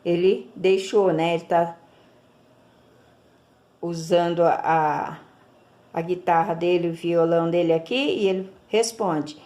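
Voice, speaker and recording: A woman's voice: lowish voice, steady tone, measured pace, pauses often, warm tone. A Brazilian woman teacher, giving a recorded lesson and explaining each step patiently, checking in often with her pupils. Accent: Brazilian Portuguese.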